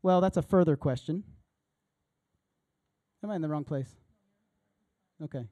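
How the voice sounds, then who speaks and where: A man's voice: a little high, measured pace, no echo, natural voice. A man reading as a timid, fussy ghost. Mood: pleading. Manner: apologetic, hesitant, soft-spoken. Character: timid, fussy male ghost making excuses. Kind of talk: reading a story aloud in a sermon.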